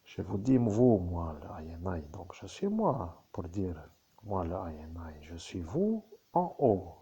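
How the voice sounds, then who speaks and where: Male medium, low gravelly voice with swooping lively pitch, dull lo-fi recording; slow, halting delivery. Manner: slow, halting, repetitive phrasing. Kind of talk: channeled spiritual talk.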